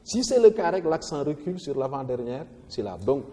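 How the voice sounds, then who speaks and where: A man explains verse rhythm like a teacher at the board, leaning hard on stressed syllables and often restarting words. His voice is mellow and dark. It sits in a room with a long reverb tail. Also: on the high side, big pitch swings, brisk. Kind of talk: explaining a poetry lesson.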